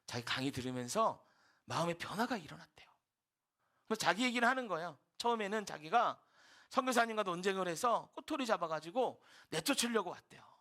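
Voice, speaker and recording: A male pastor preaching a sermon, telling a story with lively delivery and dropping to a whisper for quoted lines. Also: sits high, a little fast. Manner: animated storytelling, quotes characters in hushed whispers. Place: church sanctuary.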